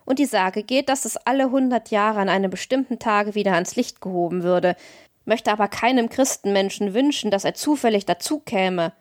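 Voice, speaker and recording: A woman voicing a gruff, good-natured old male forester in an audiobook, with folksy, blunt talk. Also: mid-range voice, moderate pace, no room sound, clean studio sound, close to an everyday voice. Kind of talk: audiobook reading.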